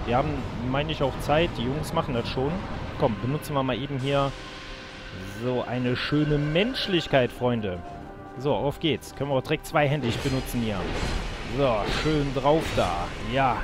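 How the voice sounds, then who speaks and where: A man gives casual let's play commentary in a medium-pitched voice. He is chatty and talks to his viewers like friends, with game music clearly audible behind him. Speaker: let's player.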